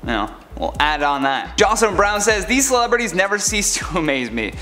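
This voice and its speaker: A man's voice: high-pitched, very animated, normal speed, bright, forceful tone, faint music behind. A man hosting online entertainment news, reading scripted narration.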